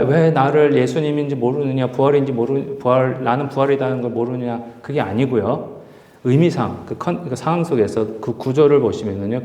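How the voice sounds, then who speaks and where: A man's voice: mid-range voice, dark tone. Guy pastor preaching bible study, gets fired up, big echoey church hall w long reverb. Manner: impassioned, acts out quoted speech with rising emphasis.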